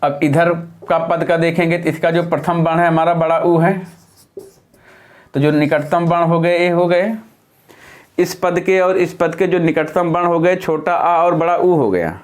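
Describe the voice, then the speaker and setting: A man's voice: a little high, fairly even intonation, unhurried. A male teacher explaining a grammar lesson patiently, step by step, while writing on a board.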